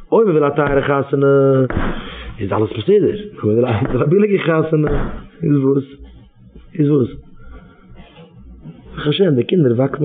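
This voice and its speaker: A man giving an informal religious talk, exhorting his listeners and repeating his phrases again and again. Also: mid-range voice. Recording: tinny phone-like radio recording.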